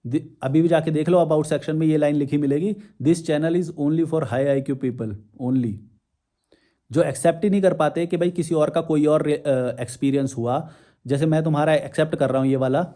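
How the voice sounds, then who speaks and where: A man's voice: a little high, fairly even intonation, fast talker, warm tone. Sarcastic man scolding his viewers. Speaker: YouTube channel host. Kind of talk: ranting reply to viewer comments.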